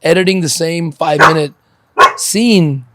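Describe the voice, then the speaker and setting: A man's voice: on the high side, a little slow, heavy background noise. A man from Ukraine hosting a podcast, chatty and joking, often restarting his sentences. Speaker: podcast host. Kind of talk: casual interview chat.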